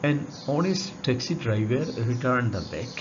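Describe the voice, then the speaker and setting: A man teaching English grammar to students. He draws out the English example words slowly and asks the class questions. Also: mid-range voice, lively intonation. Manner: addresses students directly, asking questions. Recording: dull lo-fi sound with faint hiss.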